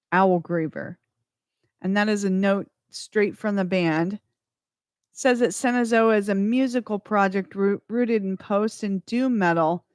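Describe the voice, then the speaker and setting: In clean studio audio with no room sound, a medium-pitched woman presents a music radio show. Between tracks she chats slowly and rambles, revising her words as she talks.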